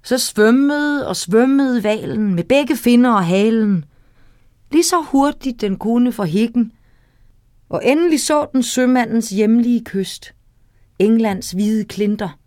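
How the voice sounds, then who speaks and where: A woman reading a children's story aloud, lively and talking straight to the young listener. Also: a little high, no room sound, clean studio sound.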